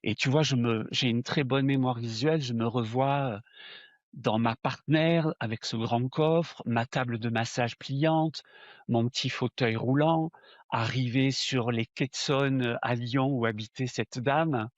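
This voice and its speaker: A man in his sixties from the south of France, with a southern French accent, telling his story to an interviewer in a lively, chatty way full of fillers. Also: a little slow, no room sound. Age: 60s. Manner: animated, addresses the listener with "tu vois", many fillers. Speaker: medium, interview guest. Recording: dull, dry low-fidelity sound.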